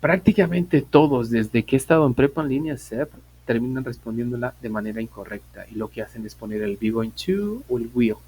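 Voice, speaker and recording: Mellow-voiced teacher explaining patiently. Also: male voice, medium pitch, expressive, fairly quick, a little hiss or hum, rough recording. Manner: patient, repeats points, asks students questions. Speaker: online English teacher. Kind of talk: live online class explanation.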